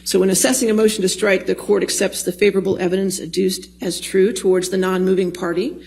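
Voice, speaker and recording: A woman judge reads out a formal ruling in a noticeably creaky voice. Her intonation stays flat and procedural, and she sounds matter-of-fact throughout. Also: medium pitch, fast talker, poor audio. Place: courtroom.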